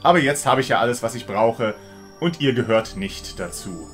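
A man's voice: medium pitch, animated, moderate pace, soft background music, close to an everyday voice. A man reading out a smug, mocking female killer in an audiobook-style story. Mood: gloating. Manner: smug, mocking, coolly theatrical. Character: cold scheming female killer, gloating.

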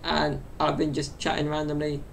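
At normal speed and in a monotone, a man in his twenties rambles through his solo podcast, his high-pitched, gravelly voice full of fillers. He records in a small bedroom at home on an off-to-the-side desk mic, with a little hiss or hum in the background.

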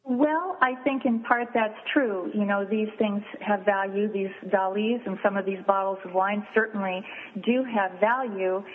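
Woman appraiser, interview guest, measured and explanatory, tinny phone-line sound with light hiss. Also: medium pitch. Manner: measured, explanatory, lists things step by step. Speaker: fine art and wine appraiser, guest. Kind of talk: interview answers.

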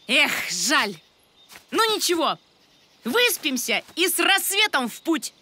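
A woman's voice: high-pitched, very animated, slow pace, bright, forceful tone, a little hiss or hum, exaggerated voice. A woman voicing a caring young animal explorer in a children's cartoon, friendly and concerned.

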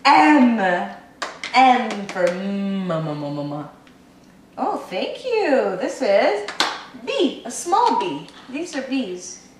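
A woman's voice: fairly high pitch, very animated, slow. A mother coaxing her toddler in a sing-song, encouraging way, recorded at home on a camcorder's built-in microphone. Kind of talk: home video, coaxing a toddler through letters. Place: indoors at home. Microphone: built-in camera microphone. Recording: echoey room with faint hiss.

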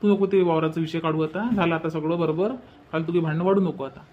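A henpecked cartoon brother from a Varhadi Marathi village, voiced by a man, pleading and exasperated. His voice is high for a man and he talks fast. The recording sounds dull and lo-fi, with faint noise behind. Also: steady tone, lightly acted. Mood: resigned. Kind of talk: cartoon voice acting.

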